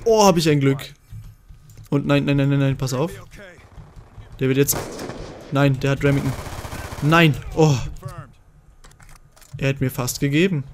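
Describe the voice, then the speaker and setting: A young man giving live gameplay commentary as a gaming video host, excitable and swinging from mutters to shouts. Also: mid-range voice, unhurried, pauses often, a little hiss or hum.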